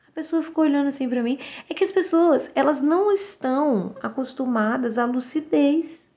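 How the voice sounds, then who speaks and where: A woman's voice: high voice, normal speed, warm tone, highs cut off. A Brazilian woman in her forties, speaking outspokenly and directly in a casual monologue to camera. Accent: Brazilian Portuguese. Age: 40s. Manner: outspoken and direct, acts out quoted voices. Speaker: vlogger.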